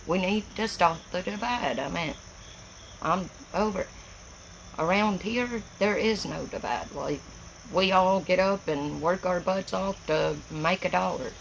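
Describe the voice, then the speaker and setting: A woman from Tennessee with a gravelly voice and an Appalachian accent, chatting casually and plainly on a livestream in a folksy, rambling way. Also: fairly low pitch, a little slow, slight background noise, poor audio. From Tennessee, United States. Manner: folksy, plain-spoken, rural speech. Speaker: livestream host.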